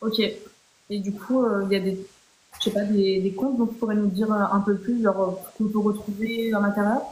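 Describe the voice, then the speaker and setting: A woman's voice: medium pitch, steady tone, moderate pace, dark tone. A woman hosting a live chat, talking playfully and chattily with many fillers and restarts. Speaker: live stream host. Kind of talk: casual chat. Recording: roomy echo.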